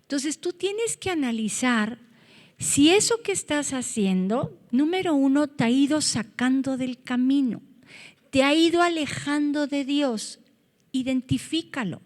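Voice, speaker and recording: A woman preaching a sermon, earnest, rising to loud cries when she quotes scripture. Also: sits high, animated, a little slow, long reverb tail.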